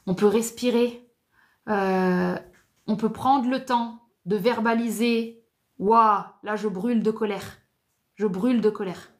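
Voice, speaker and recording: A woman giving a live talk on psychotherapy, slow and repetitive, sometimes dropping to a near whisper. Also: on the high side. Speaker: psychotherapy speaker.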